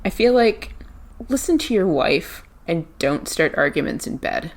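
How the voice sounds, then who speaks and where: A woman co-hosting a podcast in casual chat, animated and quick to laugh. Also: lowish voice. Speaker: podcast co-host.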